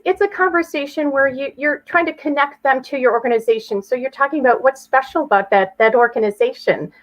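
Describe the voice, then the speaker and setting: This woman is a chatty interview guest who makes her points with everyday, hypothetical scenarios. She has a fairly bright, higher-pitched voice. The sound quality is lo-fi and a bit dull.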